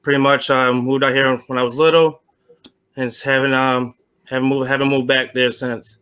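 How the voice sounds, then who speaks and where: Bright, clear-voiced man, halting. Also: medium pitch, little pitch movement. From Vermont. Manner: halting, many restarts and fillers. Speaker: guest, former semi-pro football player. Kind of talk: casual interview answers.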